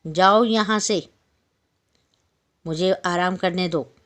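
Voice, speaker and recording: A woman telling it as a big sleepy lion who is fed up, grumbling and threatening with a fairly low voice. it comes across as a storybook lion read aloud to kids, irritable and bossy. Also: unhurried, natural voice. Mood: annoyed. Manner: grumpy, threatening.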